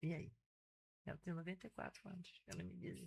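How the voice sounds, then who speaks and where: A woman in her sixties with a Carioca accent, a guest on an interview podcast, telling stories in an animated way and often restarting her sentences. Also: fairly low pitch, brisk, gravelly, breathy edge. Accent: Carioca Portuguese. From Brazil (Rio de Janeiro). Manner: animated storyteller, frequent self-restarts. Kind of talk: casual conversational interview.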